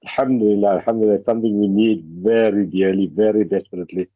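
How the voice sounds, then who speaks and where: A man with a South African Indian accent talks as an attorney guest on radio, deliberately, repeating and building on his phrases. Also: fairly low pitch, fairly even intonation, no room sound. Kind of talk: conversational radio interview. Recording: dull, lo-fi radio link.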